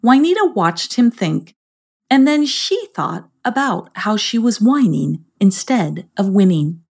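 A woman narrating a children's storybook in a slow, gentle reading voice. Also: mid-range voice, big pitch swings, creaky, slightly rough.

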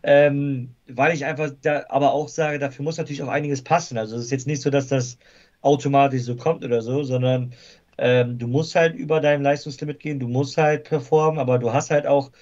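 A man's voice: medium pitch, steady tone, a little fast, darkish tone. Hesitant man talking football, lo-fi sound. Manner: thoughtful, hesitant with fillers. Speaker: guest football fan. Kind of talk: casual football talk.

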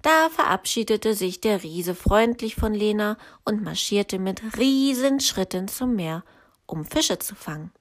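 A woman, likely a teacher, reading a children's story aloud in a slow, calm storytelling way. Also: medium pitch.

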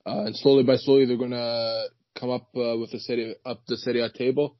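A man's voice: mid-range voice, level tone, fairly quick, dry recording, highs cut off. A man co-hosting a casual football podcast, hesitant and full of fillers. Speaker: podcast co-host. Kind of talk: casual chat.

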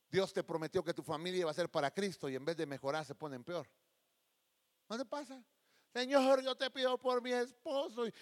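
A man preaching a sermon, telling a personal story and acting out the people in it. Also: a little high. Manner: emotive, addresses listeners as beloved brother, acts out quoted voices.

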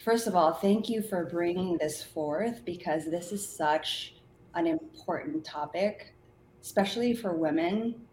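Female interview guest, a coach, very unhurried and reflective, roomy echo with faint noise. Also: on the low side, a little mellow. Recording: echoey room with faint noise.

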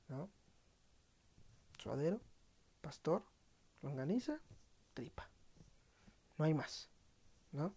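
A man's voice: a little high, dark tone. A man with a central Mexican accent hosting a podcast as a casual monologue, slangy and profane, with playful mock-dramatic outbursts. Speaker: podcast host.

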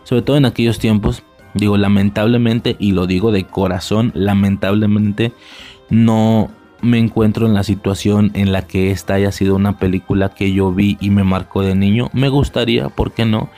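A man's voice: lowish voice, fairly even intonation, moderate pace, warm tone, soft background music. A young man with a Mexican accent giving a casual, rambling spoken film commentary, full of slang and filler words. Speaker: podcast host reviewing a film.

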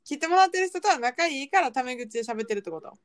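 A woman's voice: sits high, expressive, quick pace. A woman with a Kansai accent chatting casually and reacting as a podcast co-host. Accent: Kansai Japanese. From Kansai, Japan.

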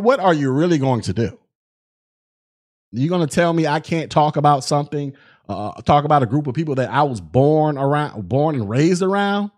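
A young man hosting a solo podcast, talking in animated, slang-heavy commentary full of restarts and repeated words. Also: fairly high pitch. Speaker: podcast host.

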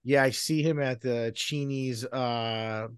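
A podcast host with a Boston accent, talking in casual, enthusiastic bursts. He is a man with an average pitch, recorded close with a dry sound. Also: steady tone, clear, resonant tone, dry recording. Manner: enthusiastic, quick to praise, laughs often.

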